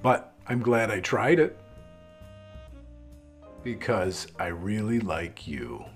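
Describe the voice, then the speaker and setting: A performer voicing a reluctant, grumbling male cartoon character who talks slowly and grudgingly. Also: medium pitch, breathy edge, faint music behind. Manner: slow, flat, grudging.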